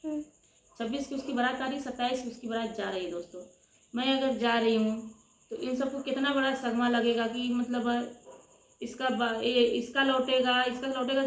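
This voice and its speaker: A woman vlogger tells her own story to viewers with passion, often calling them friends. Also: a little high. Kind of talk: emotional personal storytelling to viewers. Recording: echoey room with loud ambient noise.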